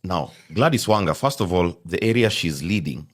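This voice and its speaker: A man's voice: low voice, expressive, normal speed, breathy edge. A young man with a Kenyan accent in a casual panel discussion, explaining his reasoning point by point. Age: young adult. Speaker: panelist rating politicians.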